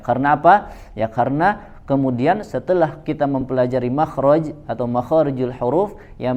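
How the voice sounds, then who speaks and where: Measured man teaching Quran recitation. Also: medium pitch. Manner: measured, fills nearly every phrase with a soft "ya". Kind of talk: religious lesson to a congregation.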